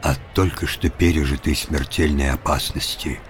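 A man narrating a story in a measured, dramatic reading style. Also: rumbling low, fairly even intonation, faint music behind. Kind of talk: scripted audiobook narration.

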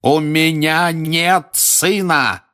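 A man voicing a hateful, stern older male judge who declaims and shouts harshly, in an audiobook. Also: a little high, drawn-out words, pitched above the performer's own voice. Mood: raging. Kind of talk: audiobook character voice.

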